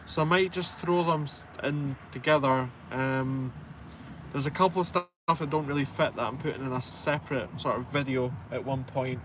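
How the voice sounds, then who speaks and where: A man from Scotland in his twenties, a truck driver and live streamer, casually answers viewers and pokes fun at himself. He speaks at normal speed in a medium-pitched, a bit bright voice with fairly even intonation, and there's a little hiss or hum.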